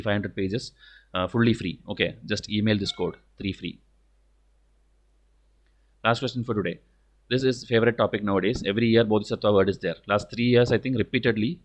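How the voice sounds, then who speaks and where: Fast-talking Indian man, blunt teacher. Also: on the low side. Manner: blunt, stern, didactic; repeats "okay" as a verbal tic. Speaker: exam coaching teacher. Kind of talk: informal lecture explaining exam questions.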